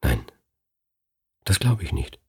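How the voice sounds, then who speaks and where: A man's voice: sits low, big pitch swings, slow pace, slightly rough, heavily acted. A man voicing a kind, self-sacrificing farmer's wife in a fairy tale reading. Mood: earnest.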